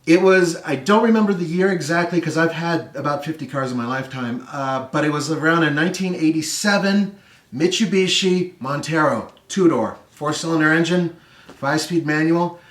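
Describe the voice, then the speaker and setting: A middle-aged man from California hosting a car show, telling casual stories with lively anecdotes and dry asides while seated on a living room floor. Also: fairly high pitch, normal speed. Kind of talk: casual storytelling chat. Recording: roomy echo, distant mic.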